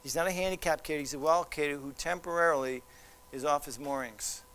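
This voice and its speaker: A man giving a presentation to parents, animated and teasing, acting out what others might say. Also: on the high side, brisk. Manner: animated, teasing, acts out quoted voices. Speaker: child development specialist.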